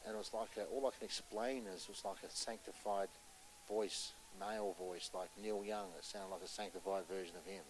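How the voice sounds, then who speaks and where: A man preaching a sermon with passion, pressing his points loudly and then dropping to a hushed voice to tell a story, and putting questions to his listeners. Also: on the low side, fairly even intonation, fairly quick, slight background noise, low-quality recording. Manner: impassioned, swinging between loud urgency and hushed storytelling; asks the audience rhetorical questions.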